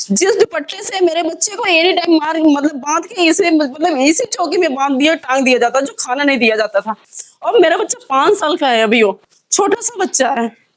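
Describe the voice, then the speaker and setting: A woman with a high-pitched voice, talking as a lawyer in a news interview. She sounds distressed and pleading throughout.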